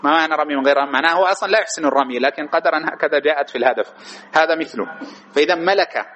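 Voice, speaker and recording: A man's voice: on the high side, very fast, fairly bright tone, muffled recording. A man teaching a lesson on a classical text, who keeps asking his listeners questions and then answers them himself. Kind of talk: classroom lecture explaining a text.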